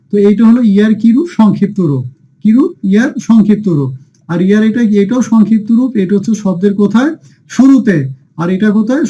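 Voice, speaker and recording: A man with a high, mellow voice leads a Quran reading lesson. He quizzes the class, supplies the answers himself, and has everyone repeat the letter names with him. The recording sounds dull and lo-fi. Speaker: Quran teacher.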